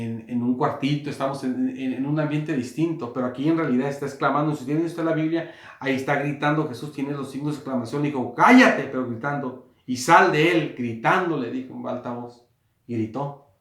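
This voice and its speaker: A man preaching a sermon in a small room, repeating and rephrasing his points and rising to loud emphasis on quoted words. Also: mid-range voice, roomy sound. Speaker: pastor.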